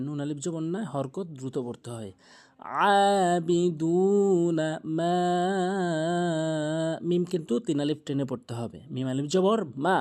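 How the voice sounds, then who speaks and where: A man teaching Quran recitation with tajweed, explaining pronunciation plainly and then reciting verses slowly with long drawn-out vowels. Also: on the high side, a little mellow. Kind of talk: tajweed lesson, spelling and reciting.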